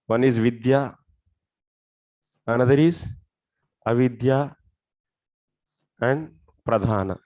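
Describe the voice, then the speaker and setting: A man's voice: mid-range voice, takes it slowly, pauses often, a little mellow, dry recording, lo-fi sound. A man with a South Indian accent teaching a religious lesson step by step, often putting questions to his listeners. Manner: explains step by step, asking questions. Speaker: scripture teacher.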